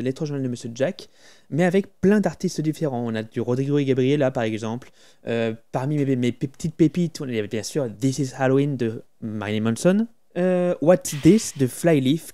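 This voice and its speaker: A man's voice: medium pitch, warm tone. A man co-hosting a casual podcast about film music, talking with enthusiasm and humming tunes now and then. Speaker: podcast co-host.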